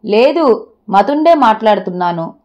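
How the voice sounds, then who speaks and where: A woman voicing a sharp-tongued, scheming wife who speaks bluntly and insistently. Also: medium pitch, expressive, moderate pace, dull audio, close to an everyday voice.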